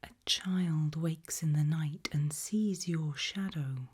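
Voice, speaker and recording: A British woman whispers an ASMR roleplay in a low, breathy, darkish voice. She asks slow, deliberate questions and leaves long pauses between them.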